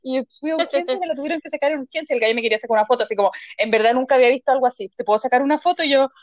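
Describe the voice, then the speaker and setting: A woman with a Chilean accent, co-hosting a casual chat and telling an expressive, giggly childhood story. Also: fairly high pitch, no room sound, highs cut off. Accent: Chilean Spanish. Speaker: podcast co-host.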